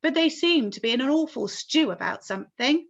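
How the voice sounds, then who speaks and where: A man's voice: very high voice, animated, brisk, creaky, a bit bright, pitched above the performer's own voice, full character voice. A woman voicing a cheeky, grinning centipede in a read-aloud story, teasing and unbothered. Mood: amused. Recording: dull lo-fi recording.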